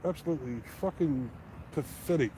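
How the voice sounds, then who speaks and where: A man's voice: fairly high pitch, moderate pace, mellow, a little hiss or hum. A man with an Australian accent chatting on a casual live stream, blunt and heavy on swearing, rambling with restarts. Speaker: livestreaming auditor.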